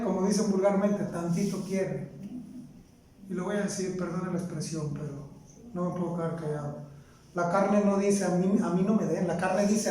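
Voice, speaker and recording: A man preaching a sermon as pastor, firing rhetorical questions and often rising to a shout. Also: sits high. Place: church sanctuary. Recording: echoey church hall from far off.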